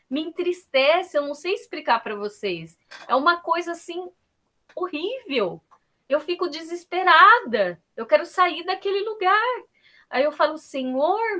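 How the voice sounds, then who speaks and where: A woman's voice: high-pitched, sharp tone. A woman on a video call sharing a personal story with a church group, emotional and full of quoted dialogue. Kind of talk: personal sharing in an online prayer meeting.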